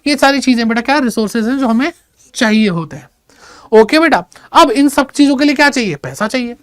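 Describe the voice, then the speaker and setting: A man teaching an energetic class. He asks his students questions, answers them himself, and calls them "beta". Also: extremely high pitch, a little fast, dry recording, clean studio sound. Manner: chatty, mixes in English terms.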